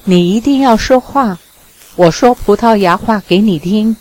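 A woman's voice: medium pitch, measured pace, a little mellow, close to an everyday voice, poor audio. Woman reading as a teasing young charmer. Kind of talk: audiobook reading.

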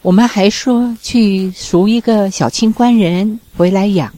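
A woman reads a literary story aloud at a slow, unhurried pace. Her voice is warm and dark, and she stays calm and even through the narration. She gives the characters' quoted lines lightly, in the same soft manner. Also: medium pitch, dry recording, low-quality recording. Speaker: reader.

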